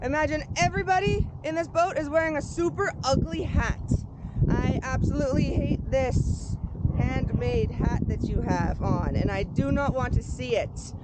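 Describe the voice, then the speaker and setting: A woman coaching paddlers in an informal, encouraging way, giving careful, unhurried step-by-step instructions outdoors. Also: high voice. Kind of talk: hands-on sports instruction. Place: outdoors on a boat. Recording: very noisy outdoor recording.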